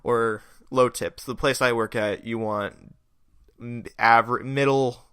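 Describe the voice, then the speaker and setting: A man's voice: mid-range voice, steady tone, slow pace, fairly bright tone, clear, resonant tone, no echo, studio quality. A young man hosting a podcast, telling a rambling story in a casual way, laughing and swearing now and then. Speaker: podcast host.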